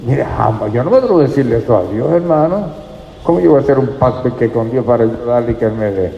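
Gravelly-voiced preacher in an echoey hall. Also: male voice, medium pitch, lively intonation, fast, lo-fi sound. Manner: earnest, addresses listeners as brother. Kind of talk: sermon. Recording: echoey hall with faint ambience.

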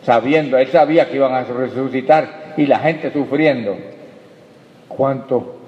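Impassioned preacher in an echoey hall. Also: male voice, mid-range voice, a little slow. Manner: impassioned preaching, rising to loud peaks; addresses listeners as brother. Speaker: pastor. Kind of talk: sermon. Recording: echoey hall, dull lo-fi sound.

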